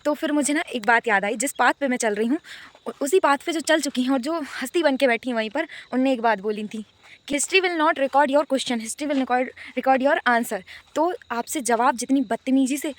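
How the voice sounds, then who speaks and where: A woman's voice: high voice, brisk. A young woman who is unwell, chatting playfully in a casual home vlog, laughing often. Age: young adult. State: unwell with a fever. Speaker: vlogger. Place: family home, indoors and outdoors.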